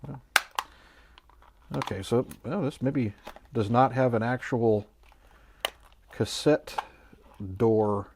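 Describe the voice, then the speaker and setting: Over some background noise, a man with a mid-range voice speaks slowly and pauses often. He runs an electronics review channel and is reviewing a product off the cuff, musing aloud with hesitation and a touch of skepticism.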